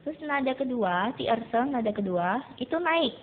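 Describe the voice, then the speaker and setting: A woman teaching a beginner Mandarin lesson to students, patiently explaining and repeating drills slowly. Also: fairly high pitch, lively intonation. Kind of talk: recorded classroom lesson. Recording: tinny phone-like recording with faint noise.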